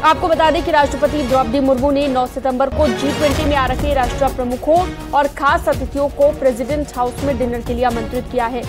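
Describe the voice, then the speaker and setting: A young woman anchoring a TV news bulletin in a studio, reading briskly and formally. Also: high-pitched, steady tone. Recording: broadcast bed music underneath.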